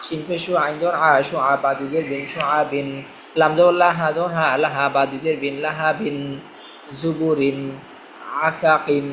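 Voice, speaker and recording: Patient man drilling syllables slowly. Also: a little high, a bit bright, a little hiss or hum, rough recording. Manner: slow, patient, repeats syllables for learners to follow. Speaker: Quran reading teacher. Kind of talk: spelling drill lesson.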